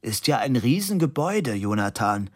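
A man voicing a mischievous young man who pretends to be hard of hearing, in a high, loud, exaggerated voice. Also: big pitch swings, normal speed. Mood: mock-innocent. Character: young man, mock-deaf prankster, mischievous.

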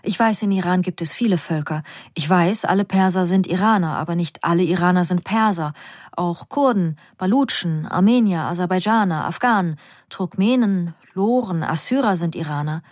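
A woman reading a novel aloud in the first person, lifting her pitch for the characters' quotes. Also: moderate pace, darkish tone, no echo, clean studio sound. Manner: reads character quotes with slightly raised pitch. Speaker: audiobook narrator. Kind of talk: literary narration in first person.

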